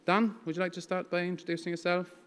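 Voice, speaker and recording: A man's voice: high-pitched, level tone, quick pace, fairly bright tone, clear, resonant tone, in a large hall. A man hosting a session, informal and encouraging as he moderates a panel for an audience. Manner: encouraging, casual.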